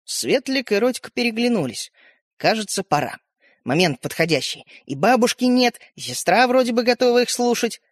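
A woman reading a children's story aloud, her pitch rising and falling in a lively, expressive way. Her voice sounds close and dry, with no room around it. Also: normal speed, no room sound. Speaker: narrator. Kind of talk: audiobook narration for children.

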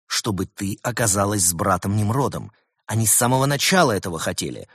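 A man voicing a shrewd talking male fox who explains things with lively insistence in an audiobook. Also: on the low side, brisk, breathy edge, no echo, studio quality, heavily acted. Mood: insistent. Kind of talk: audiobook character voice.

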